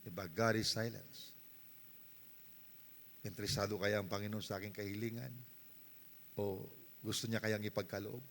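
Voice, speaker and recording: A man with a Filipino accent, preaching a sermon as pastor with passion and mixing Tagalog and English, moving from hushed passages to shouting. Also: lowish voice, little pitch movement, normal speed, long pauses, a little hiss or hum. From Philippines. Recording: long reverb of a church hall.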